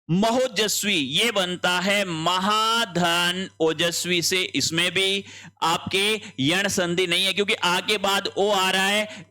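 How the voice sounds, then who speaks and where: Male tutor, high-pitched, walks students through answer options one by one. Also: sharp tone. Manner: explains each option step by step, checking in with students. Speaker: Hindi exam tutor. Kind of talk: exam answer-key lesson.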